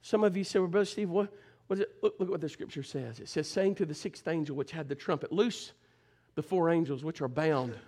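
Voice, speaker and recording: A male pastor preaching a fervent sermon, calling out to his congregation and swinging between shouting and hushed low talk. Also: a little fast, hardly any pauses. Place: church service.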